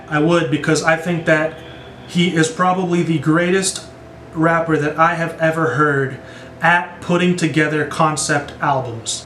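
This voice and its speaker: A young man in his twenties, born in Brazil and raised in the United States from age three, hosts a YouTube music reaction channel and casually, enthusiastically answers viewer questions in an American accent. His voice is on the high side and a bit bright. The room is echoey, with background music and slight noise.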